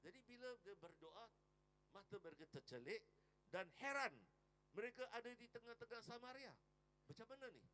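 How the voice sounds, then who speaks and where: A man preaching a Sunday sermon in church, telling stories with sudden loud exclamations, quiet asides and frequent checks with the congregation. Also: very high-pitched, expressive, moderate pace, poor audio. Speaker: pastor. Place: church during a Sunday service.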